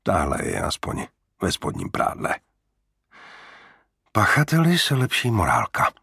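A man's voice: lowish voice, lively intonation, creaky, breathy edge, no echo, studio quality, heavily acted. A man reading an audiobook, voicing a bold, sarcastic young woman who pushes for answers. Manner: pushy, sarcastic, quick with comebacks. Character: sharp-tongued, bold young woman sleuth.

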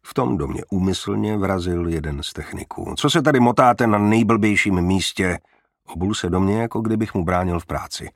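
A man narrates a first-person crime story at a measured pace with a wry edge. His voice is very deep, with a rough, gravelly grain and some huskiness. The recording is close and dry. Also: no room sound. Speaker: audiobook narrator.

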